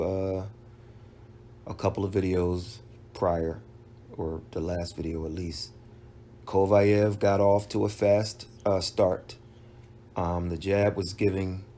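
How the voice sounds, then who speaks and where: A man giving a halting solo recap of a boxing match, with frequent restarts and fillers. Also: low voice, mellow, slight background noise. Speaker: boxing commentator.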